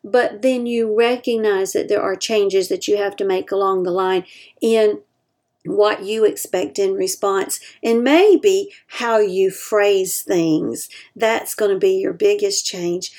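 A woman giving earnest advice to caregivers, slowing down to stress her key points. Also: medium pitch, darkish tone. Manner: acts out example quotes in other voices.

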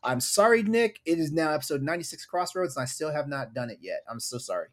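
A man co-hosting a casual podcast, joking about himself, with halting restarts. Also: a little high, big pitch swings. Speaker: podcast co-host.

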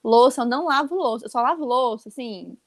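A Brazilian woman in her thirties talks at a rapid clip in relaxed conversation, her voice pitched a little high. She tells stories emphatically and with animation. The recording is dry and close. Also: no echo. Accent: Brazilian Portuguese. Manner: animated, quick, emphatic storytelling. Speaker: podcast co-host. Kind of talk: casual chat.

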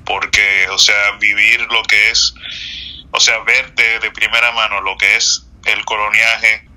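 A man from the Dominican Republic speaks as an interview guest, earnest and full of small fillers. His voice is strikingly bright, sitting a little low. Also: level tone, measured pace, low-quality recording. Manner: earnest, with frequent "eh" and "o sea" fillers. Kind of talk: interview conversation.

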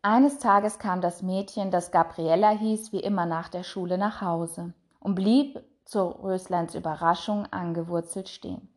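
A woman narrating a fairy tale in a soft, measured voice that trails off quietly. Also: lowish voice, steady tone. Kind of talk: storybook reading.

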